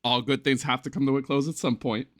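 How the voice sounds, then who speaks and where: A man's voice: mid-range voice, steady tone, quick pace, dry recording, clean studio sound. A man hosting a music reaction video, talking casually with filler ums and hiccuping as he goes. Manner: chatty, rambling, with filler ums. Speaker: music reaction channel host.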